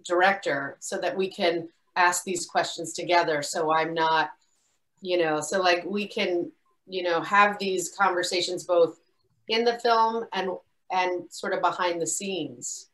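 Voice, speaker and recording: A woman filmmaker answering audience questions in a relaxed way. She talks haltingly, with many restarts and a lot of "you know.". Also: on the low side, rough recording. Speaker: filmmaker guest speaker. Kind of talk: casual Q&A talk. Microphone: video call.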